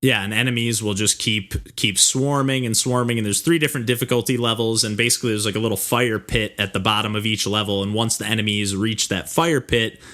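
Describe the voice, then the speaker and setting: A man's voice: lowish voice, steady tone, a little fast, hardly any pauses, sharp tone. A man hosting a casual podcast, talking in a rambling way full of "like" and "you know". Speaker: podcast host. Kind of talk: casual chat about video games.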